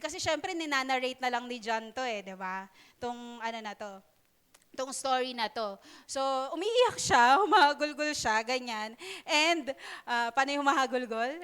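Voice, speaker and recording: A young woman gives a chatty sermon with a high, smooth voice. She talks in a halting, casual way, full of fillers, and now and then breaks into playful asides. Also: a bit bright. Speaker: preacher. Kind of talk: sermon in Taglish.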